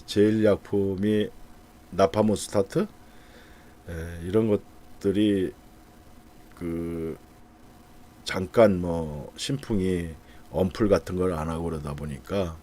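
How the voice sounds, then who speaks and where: A man's voice: deep voice, steady tone, takes it slowly, long pauses, dark tone, a little hiss or hum. A middle-aged man, chatting through stock charts to his viewers, thinking aloud with fillers. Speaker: stock market commentator. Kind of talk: casual market commentary over charts.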